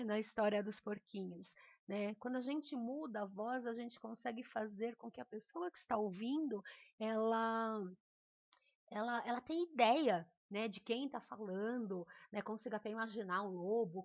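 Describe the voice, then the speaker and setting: A woman's voice: on the high side, moderate pace, no room sound, muffled recording. A woman teacher with a Brazilian accent, giving a recorded remote lesson in a patient, encouraging way and often checking in with her students. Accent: Brazilian Portuguese.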